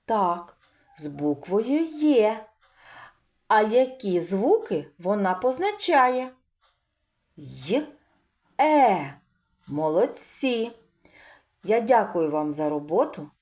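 A woman's voice: medium pitch, sing-song, slow, pauses often, darkish tone. A woman teaching a literacy lesson to preschool children, speaking in a sing-song teacher's voice that draws out sounds and praises often. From Ukraine.

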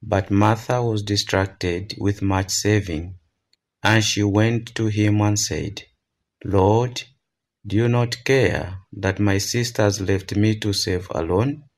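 A man's voice: lowish voice, fairly even intonation, slow pace. A clergyman giving a solemn liturgical reading of the Gospel.

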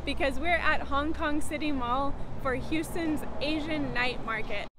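A young woman with a high, unhurried voice hosts a casual food and travel vlog, narrating with upbeat enthusiasm at an outdoor night market. The background is noisy with a busy crowd and music.

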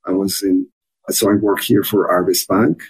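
On a podcast, an Ecuadorian guest who works as a chamber of commerce officer talks earnestly at a moderate pace, his native Spanish showing in a thick Ecuadorian accent. His low-pitched voice is slightly rough with fairly even intonation, and he often repeats words when restarting. The recording is low quality.

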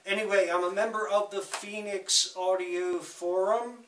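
A man chats to viewers from a room full of audio gear, rambling with joking asides. His voice sits high and sounds bright, and he talks at an unhurried pace. The mic picks him up from a distance, so the room echo comes through. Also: fairly even intonation, slight background noise. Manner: chatty, joking asides, slow with sudden quick bursts. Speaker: vlogger talking about records and audio gear. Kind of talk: casual rambling talk to camera. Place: home room with audio equipment.

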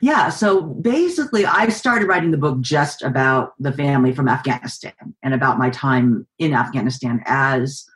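A woman in her forties from the San Francisco Bay Area, an author and journalist answering interview questions in a thoughtful, steady way with frequent pauses, heard over a video call from her living room. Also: a bass voice. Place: home living room, indoors. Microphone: video call webcam.

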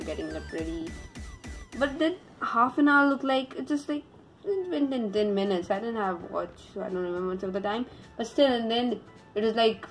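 A woman's voice: mid-range voice, rough recording. A woman, telling a story in a casual vlog. She rambles, often restarts her sentences and adds dry sarcasm. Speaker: vlogger.

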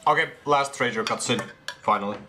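A young man with a medium-pitched voice talks a little fast over music, reacting casually to a horror game he's playing for a gaming video. He exclaims and repeats short phrases, recorded indoors in a small room at home.

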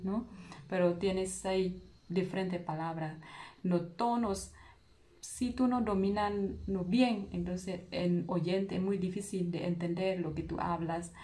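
Vietnamese-accented woman language teacher, non-native speaker, slow and patient, mid pitch, halting phrasing with rhetorical questions. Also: dark tone. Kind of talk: explanatory video lesson.

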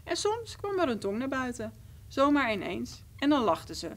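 A woman reading a children's fairy tale aloud in a rhythmic, expressive storybook style. Her voice sits a little high and moves a lot, rising and falling with every step of the story. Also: moderate pace.

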